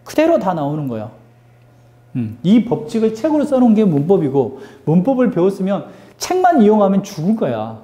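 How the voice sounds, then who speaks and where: A male English teacher giving a lively classroom grammar lesson, drilling students with call-and-response questions and teasing them. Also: sits high, brisk, reverberant.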